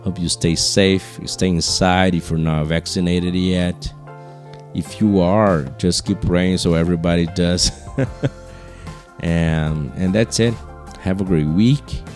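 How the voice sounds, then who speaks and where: A man hosting a podcast solo, speaking slowly in a low, hushed register with casual, rambling, earnest encouragement. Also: steady tone, soft background music. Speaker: podcast host.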